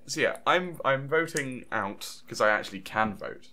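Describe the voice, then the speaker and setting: A man's voice: mid-range voice, lively intonation, normal speed, crowd noise. A young man hosting a casual chat show, talking in a rambling, stop-start way and laughing often. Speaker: podcast host.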